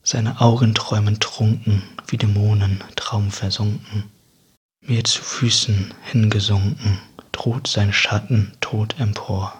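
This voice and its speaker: A man giving a dramatic poetry recitation in a breathy, half-whispered delivery. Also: lowish voice, little pitch movement, slow. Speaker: poetry reader.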